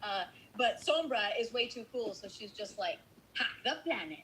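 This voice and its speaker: A woman from Colombia, a voice actress chatting casually in an interview, playful and animated. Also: mid-range voice, moderate pace, slight background noise, poor audio. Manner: playful, animated, quotes lines in character voices. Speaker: voice actress guest.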